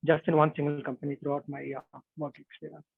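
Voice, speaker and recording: A man's voice: on the high side, completely flat delivery, fast talker, gravelly, breathy edge, no echo. A man, heard over a bad video-call connection, talking hesitantly with many fillers as an interview guest. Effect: bad connection, narrow phone-like call audio. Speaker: interview guest, software tester. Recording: tinny, dry video-call line.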